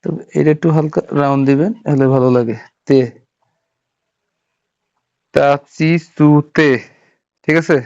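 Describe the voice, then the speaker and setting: A man's voice: a little high, fairly even intonation, fast talker, creaky, few pauses, warm tone. A man teaching a Japanese writing class, patiently walking through each stroke step by step and checking that students follow. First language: Bengali. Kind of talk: classroom lesson. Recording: dull lo-fi sound.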